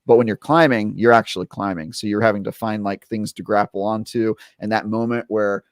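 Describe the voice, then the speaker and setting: A man's voice: on the low side, fairly quick, dry recording, clean studio sound. A young adult man on a casual gaming podcast, telling a long story with lots of fillers and restarts. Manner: rambling, filler-heavy, animated retelling. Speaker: podcast co-host, game reviewer.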